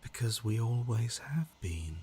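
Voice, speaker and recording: An actor playing the brooding, uneasy inner voice of a hero in a video game, dramatically delivered. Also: male voice, medium pitch, lively intonation, measured pace, darkish tone, slight background noise, close to an everyday voice. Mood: grave.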